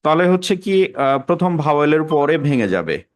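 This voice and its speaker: A man teaching an English pronunciation class, explaining patiently and repeating example words slowly. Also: on the high side, big pitch swings. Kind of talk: classroom lesson.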